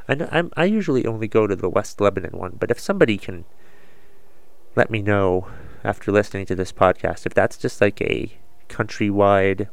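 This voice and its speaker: Hosting his own podcast alone, a slightly congested man with a cold talks in a loose, rambling, self-mocking way. His lowish voice has vocal fry and a clear, resonant tone, with no echo.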